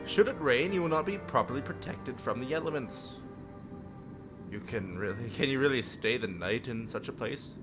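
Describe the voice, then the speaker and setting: With lively intonation, a mid-range voice and a moderate pace, a man reads a visual novel aloud during a livestream. He adds joking asides, sometimes stumbles on the text, and music runs underneath.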